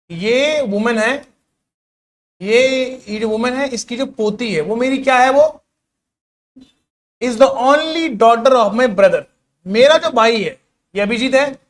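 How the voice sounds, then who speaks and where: High-voiced man teaching reasoning to students. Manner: coaxing, repeatedly prompting students to answer. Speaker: reasoning teacher for government job exams. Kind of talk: classroom lecture explaining puzzles.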